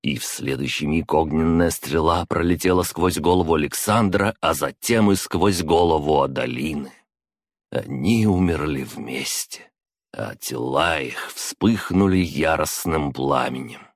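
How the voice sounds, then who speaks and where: Deep-voiced male audiobook narrator. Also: unhurried, no echo, studio quality. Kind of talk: scripted fantasy narration.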